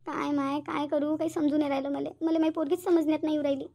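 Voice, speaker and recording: Brief: fretful cartoon village mom, voiced by a woman, brisk scolding. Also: sits high, level tone, gravelly, dark tone. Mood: exasperated. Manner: fretful, scolding, sighing complaints. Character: worried middle-aged village mother, weary. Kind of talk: cartoon voice acting.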